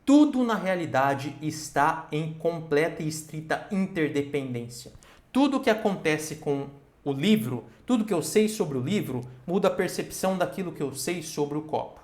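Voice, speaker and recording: A man's voice: on the high side, big pitch swings, normal speed, darkish tone. Lecturing man in an echoey room. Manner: asks himself questions aloud and answers them; checks in with listeners often. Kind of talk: recorded online lecture. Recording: roomy echo.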